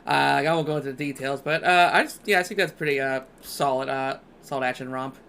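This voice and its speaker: A man's voice: medium pitch, fairly even intonation, fast talker, sharp tone. A man on a casual podcast, rambling with many fillers and restarts. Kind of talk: casual chat.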